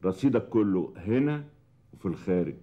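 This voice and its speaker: An actor playing a pragmatic, measured lawyer advising a client, in a TV drama. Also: male voice, low voice, big pitch swings, dark tone, lo-fi sound. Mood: calm. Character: shrewd calm lawyer. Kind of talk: TV drama acting.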